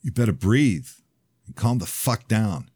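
A man's voice: on the low side, expressive, unhurried, a little mellow, breathy edge, dry recording, voice pushed up. A man voicing a crude, impatient gunman in an audiobook, barking profane threats. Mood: menacing. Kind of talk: audiobook character voice.

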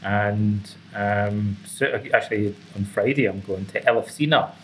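Speaking at a measured pace in a lowish voice, a middle-aged Scotsman who is an author and psychotherapist gives scholarly, explanatory replies as an interview guest. The recording carries clearly noisy ambient sound.

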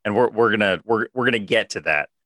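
A man hosting a podcast interview, asking questions in a halting way and repeating words. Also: on the low side, pushed and bright, no room sound. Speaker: podcast host.

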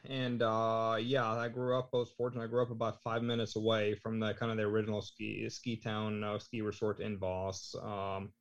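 A man's voice: lowish voice, level tone. Norway-raised guy in his 30s, casual podcast chat, lots of uh and restarts, kinda muffled audio. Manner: halting, lots of fillers and restarts. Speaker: podcast guest. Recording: slightly dull lo-fi sound.

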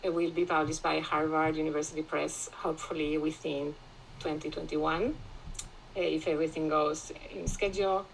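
A woman's voice: low-pitched, level tone, moderate pace, gravelly, a little hiss or hum, low-quality recording. Thoughtful woman from Spain, podcast guest. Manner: thoughtful, many restarts and fillers, laughs often. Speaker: guest, classicist and historian. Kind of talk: podcast interview.

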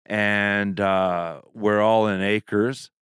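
An older man talks slowly and patiently, laying out an explanation with the odd chuckle. His voice is close and dry, with no room sound around it. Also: lowish voice, steady tone, fairly bright tone, smooth, no echo. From Alberta, Canada. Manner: unhurried, explanatory storytelling with chuckles. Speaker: guest. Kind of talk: casual chat.

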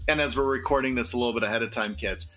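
A man's voice: medium pitch, rapid-fire, bright, forceful tone, soft background music. A man co-hosting a comics podcast, chatting casually and joking with friends. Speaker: podcast co-host. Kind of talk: casual chat.

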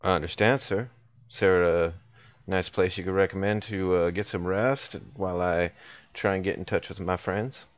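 Low-voiced man in role-play, courteous, dry dull recording. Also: steady tone, moderate pace, no echo. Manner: polite, easygoing. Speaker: player. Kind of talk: in-character tabletop role-play.

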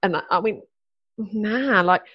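A woman's voice: medium pitch, fairly quick, highs cut off. A woman in her fifties, talking as a guest in a casual interview, blunt and brash, swearing freely and laughing often. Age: 50s. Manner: driven and brash.

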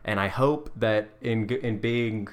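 A man's voice: fairly low pitch, measured pace, clear, resonant tone. Joking man co-hosting a podcast. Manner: playful, joking, hesitant with fillers. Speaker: podcast co-host. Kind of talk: casual podcast discussion.

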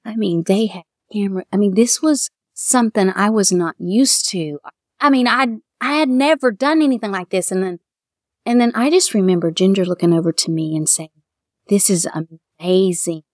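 A middle-aged woman with a Kentucky accent, a bridal shop owner talking warmly and at length in a casual interview. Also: mid-range voice, normal speed, no room sound, studio quality. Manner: chatty, heartfelt, quotes others in lively voices.

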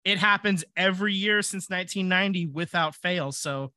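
Man, podcast co-host, bright tone, dry close sound, casual and full of restarts. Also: high-pitched, normal speed, dry recording. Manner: thinks aloud with fillers and restarts. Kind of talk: casual sports chat.

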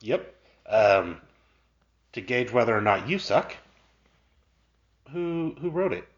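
Wry, lively-voiced man. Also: medium pitch, slow, slight background noise. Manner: wry, joking, laughs often. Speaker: podcast co-host. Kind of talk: casual chat. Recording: dull lo-fi podcast audio.

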